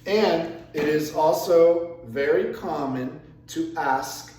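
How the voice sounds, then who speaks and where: A man's voice: a little high, takes it slowly, a little mellow, far from the mic, a little hiss or hum. A man teaching an English grammar lesson, explaining patiently step by step with repeated examples. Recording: echoey room, voice from off-mic.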